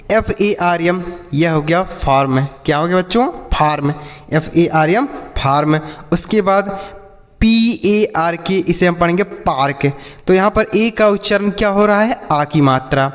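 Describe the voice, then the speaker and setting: High-voiced man teaching English phonics. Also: a bit bright, in a large hall. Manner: repeats questions to the class and answers them himself; spells words out slowly letter by letter. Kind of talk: classroom lesson.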